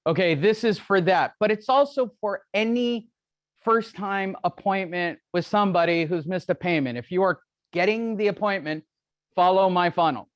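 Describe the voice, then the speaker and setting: A man's voice: high-pitched, normal speed, no echo, clean studio sound. A man coaching a real estate seminar in a brash, joking, profane way. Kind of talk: live seminar teaching.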